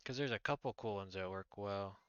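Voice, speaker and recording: A man streamer casually commenting on his gameplay, thinking out loud and reading in-game text aloud. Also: on the low side, fairly quick, highs cut off, very noisy. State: hiccuping.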